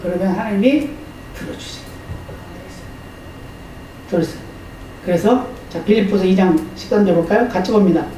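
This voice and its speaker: A man's voice: high-pitched, moderate pace, long pauses, dark tone. A man preaching a sermon as pastor, speaking conversationally and often asking the congregation questions. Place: church sanctuary. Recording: echoey hall, distant mic, faint noise.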